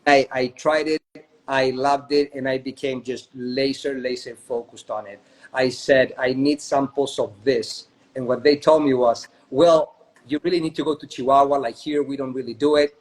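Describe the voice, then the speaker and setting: This is a Chilean man, co-founder of a spirits company, speaking at normal speed with a medium pitch and a steady tone. Interviewed casually by video call, he recounts a long story conversationally, with frequent "right?" check-ins.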